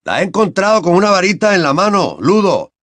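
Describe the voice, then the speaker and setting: A man reading an audiobook and voicing a stern middle-aged male wizard official who talks in a loud, officious way. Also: high-pitched, big pitch swings, a little fast, no echo, pitched above the performer's own voice. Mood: grave.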